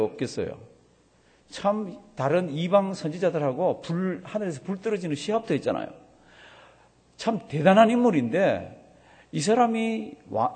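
A middle-aged male pastor preaching a sermon in a church, animated, acting out the voices of crying babies and complaining people. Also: sits high, husky. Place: church sanctuary. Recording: long hall reverb.

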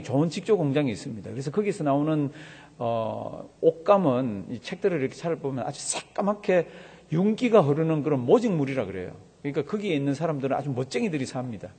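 A man's voice: a little high, warm tone, slightly rough, in a large hall. A male pastor preaching a sermon, asking the congregation questions and leading them through the scripture reading.

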